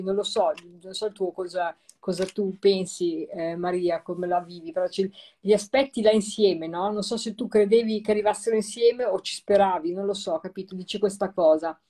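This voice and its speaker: A woman hosting a live-streamed talk, who explains replayed recordings in a repetitive, emphatic and warmly reassuring way. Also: mid-range voice. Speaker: host.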